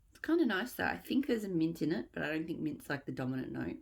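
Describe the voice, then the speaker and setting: In a casual wax melt haul review, a vlogger talks fast in a low, gravelly, husky voice that is very animated. Her chat rambles a little as she thinks aloud about the products.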